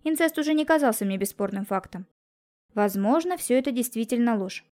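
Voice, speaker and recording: Woman, audiobook narrator, detective story, calm composed delivery, fairly high voice. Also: a little fast.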